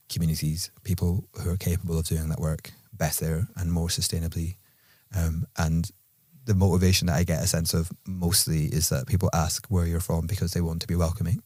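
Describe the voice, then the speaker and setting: A low-pitched man with an Edinburgh Scottish accent talks in a relaxed podcast conversation. His delivery moves between dry, teasing jokes and careful, measured reflection. The sound is close and dry, with no room around it. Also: dry recording. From Scotland. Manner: playful, dry teasing humor; thoughtful, measured when explaining.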